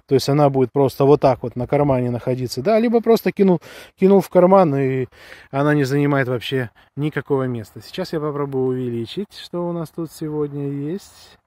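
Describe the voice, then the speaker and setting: Recorded on a handheld phone on a grassy hillside with pines, a vlogger gushes about a walkie-talkie in a casual, slangy, meandering way. He sounds slightly high-pitched with a dark tone, and there's no room sound.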